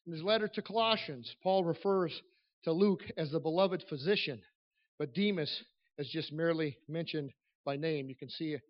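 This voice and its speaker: Echoey male preacher at a pulpit microphone. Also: on the high side. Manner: earnest, emphatic, halting phrases with swelling and dropping volume. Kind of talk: church sermon. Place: large church room. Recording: echoey church PA, slightly dull.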